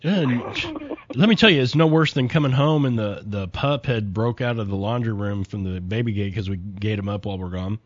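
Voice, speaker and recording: A man's voice: lowish voice, fairly quick. A man hosting a radio talk show in casual, joking chat, with a slight lisp from missing front teeth. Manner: joking, rambling, with restarts. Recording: slightly dull radio broadcast audio.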